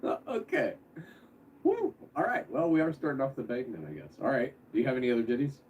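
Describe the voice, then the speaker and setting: A man's voice: medium pitch, huge pitch swings, fairly quick, darkish tone, a little hiss or hum. A man heard over a phone or video call, hosting and questioning his parents in a casual family argument, with probing, incredulous questions. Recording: dull, distant call audio.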